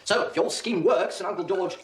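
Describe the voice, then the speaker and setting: An actor playing a genial, flustered young upper-class gentleman who talks in a dithering, hesitant way. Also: sits high, a little fast, background noise, lightly acted.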